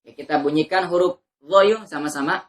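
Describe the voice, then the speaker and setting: A woman teaching Quran reading, patiently drilling letter sounds and reciting verses slowly and drawn out. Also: deep voice. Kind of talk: teaching letter pronunciation to learners.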